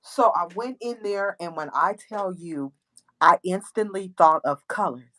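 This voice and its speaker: A woman hosting a casual chat, telling a story with lively acted-out quotes. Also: on the low side, measured pace, rough recording. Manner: animated storyteller, acts out quoted voices. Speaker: host.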